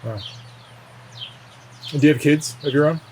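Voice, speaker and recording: A man's voice: on the high side, fairly even intonation, normal speed, rough recording. A man asking questions in a conversational documentary interview style. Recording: clear outdoor ambient noise.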